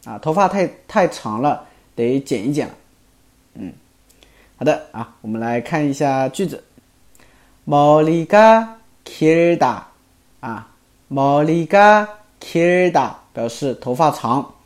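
A patient male teacher talks through a recorded lesson at an ordinary pitch. He repeats each example sentence slowly and trails off his phrases with soft, drawn-out particles. He keeps a relaxed, explaining tone throughout. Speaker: Korean language teacher.

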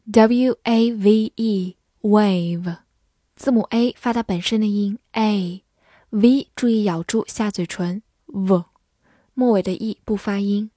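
A woman teaching vocabulary in an unhurried, measured voice. She spells words out letter by letter and reads example sentences slowly. The sound is close and dry, with no room around it. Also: mid-range voice, dark tone, dry recording. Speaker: English teacher. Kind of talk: vocabulary lesson.

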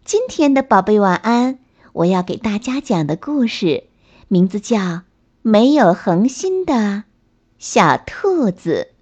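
Casting: a woman telling bedtime stories to small children, slow and lilting, on a slightly dull recording. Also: mid-range voice, sing-song. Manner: gentle, sing-song storytelling to small children. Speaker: bedtime story host. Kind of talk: children's bedtime story reading.

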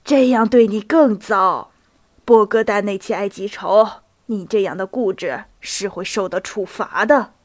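A woman reading the lines of a stern older cavalry captain, deliberate and reproachful. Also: mid-range voice, no echo, clean studio sound, pitched below the performer's own voice, natural voice. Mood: firm.

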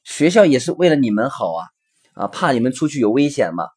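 A man's voice: mid-range voice, big pitch swings, quick pace, darkish tone, slightly rough. A man voicing a father who lectures his upset young son. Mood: exasperated. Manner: lecturing and impatient, then soothing and understanding.

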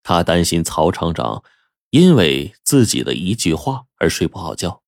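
A man telling a story aloud in a lively, folksy way. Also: low-pitched, creaky, no room sound, clean studio sound. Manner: lively, folksy narration with drawn-out particles. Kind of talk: oral storytelling.

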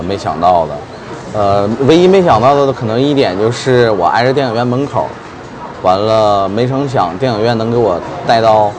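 A man's voice: fairly low pitch, background noise. A man from China giving casual interview answers as a small business owner, thinking aloud. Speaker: milk tea shop owner being interviewed. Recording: busy crowd chatter behind.

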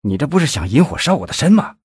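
Man doing a furious scheming mayor, blustering, cursing, low voice, dry sound. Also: wildly swooping pitch, fairly quick, breathy edge, no echo, exaggerated voice. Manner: blustering, short-tempered, curses. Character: angry scheming male city mayor, middle-aged.

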